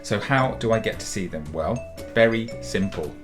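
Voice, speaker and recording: A middle-aged man from the UK talks children through a drawing lesson in a chatty, encouraging way, calling them guys. His voice sits on the low side. Soft music plays faintly behind him. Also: expressive, moderate pace. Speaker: children's drawing tutor and author.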